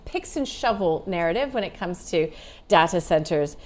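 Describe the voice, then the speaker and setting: A woman co-hosting a live market wrap, chatty and conversational with quick asides. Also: lowish voice, lively intonation, darkish tone. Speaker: co-host of a markets show.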